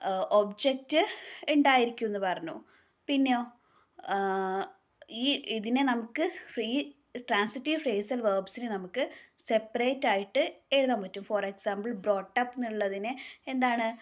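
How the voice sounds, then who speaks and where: A woman teacher explaining English grammar in Malayalam. She reads English rules out slowly and keeps asking questions that she answers herself. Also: a little high.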